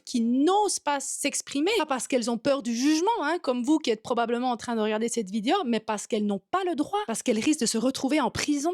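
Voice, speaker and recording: A woman with a Swiss French accent, a yoga teacher and content coach, talking straight to camera in a direct, lively way, addressing the viewer informally. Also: sits high, dry recording, studio quality.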